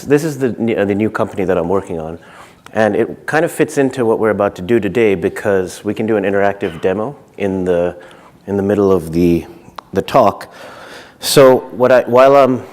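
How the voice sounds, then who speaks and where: A Zimbabwean man in his thirties gives a casual conference talk on stage, with many fillers and restarts. His voice is lowish with a darkish tone.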